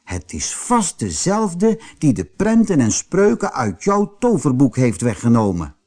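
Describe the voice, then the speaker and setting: A man voicing a brave, eager young boy in a raised, excited voice. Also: medium pitch, measured pace.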